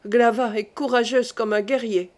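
A woman voicing a young male prehistoric warrior who speaks in slow, solemn, simple words. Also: a little high, steady tone, close to an everyday voice.

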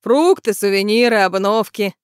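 A man's voice: high-pitched, normal speed, clear, resonant tone, no room sound, studio quality, close to an everyday voice. A woman reading voicing a good-natured, folksy male taxi driver. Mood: amused. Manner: easygoing, folksy.

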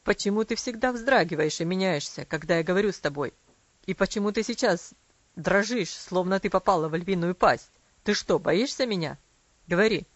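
A strict middle-aged father speaks low and firm, pressing his words with stern insistence, as a woman reader puts him on. The recording is dry and slightly dull. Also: normal speed, no room sound.

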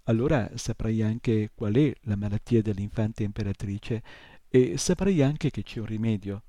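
A determined young boy hero, played by a male reader who presses his case with urgent, raised insistence. His voice stays low and mellow, and it is recorded dry and close. It suits an audiobook scene. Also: measured pace, dry recording, lightly acted. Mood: insistent. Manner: urgent, pleading, shouting. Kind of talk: audiobook reading.

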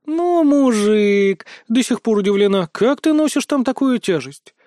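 A man voicing a sly young woman who teases in a slow, drawn-out, mocking way. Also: very high voice, expressive, warm tone, dry recording, studio quality, voice pushed up. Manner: drawling, mocking.

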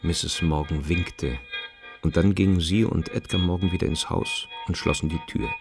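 A man narrating a radio drama in a calm, even manner. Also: deep voice, normal speed, gravelly, over loud music.

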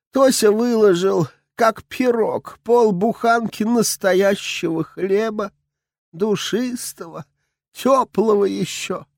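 Man doing a high cracked little old lady, slow and plaintive, gravelly. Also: dry recording, clean studio sound, heavily acted. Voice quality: cracked, quavering. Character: frail elderly woman, timid, tearful, old-fashioned. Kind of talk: audiobook character voice.

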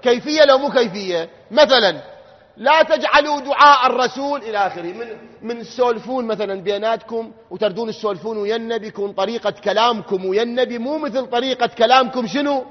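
Fast-talking Iraqi cleric, husky voice. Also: male voice, very high voice. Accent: Iraqi Arabic. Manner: swings from quiet explanation to loud emphatic questions. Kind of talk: religious lecture. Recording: lo-fi with long hall reverb.

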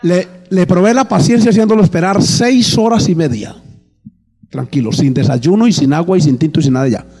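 A man preaches a sermon in a fairly high, mellow voice and acts out the voices of the characters as he tells the story. His voice rings through a hall with long reverb, and faint music plays underneath. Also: brisk, husky. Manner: storytelling, acting out both sides of a dialogue. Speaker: pastor.

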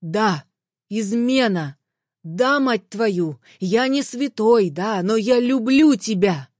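Woman reading insistent remorseful man, blunt and pleading, audiobook dialogue, slightly lowered voice, dry close sound. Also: animated, slow pace, a little mellow, no room sound.

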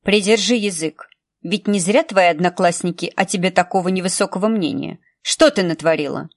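A woman's voice: lowish voice, normal speed, dry recording. A woman voicing a stern young female police officer who talks in a dry, clipped way.

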